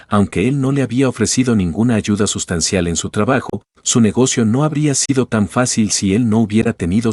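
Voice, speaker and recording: A man reads a novel audiobook in a low, steady voice. His delivery is even and measured. The recording is dry and close. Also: dry recording. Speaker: narrator. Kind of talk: scripted audiobook narration.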